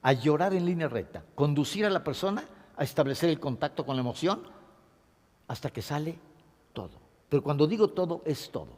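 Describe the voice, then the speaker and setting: A man lectures in a voice pitched higher than most men's. He teaches expressively and pauses to dictate key points. His voice carries the long reverb of a hall. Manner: expressive, acts out sobs and dictates points to note. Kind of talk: classroom lecture on grief.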